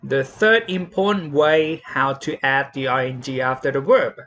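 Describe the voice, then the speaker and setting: A man teaching English grammar with a Thai accent, explaining slowly and repeating each word and rule, spelling out letters one by one. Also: medium pitch, a bit bright. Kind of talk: slow classroom explanation.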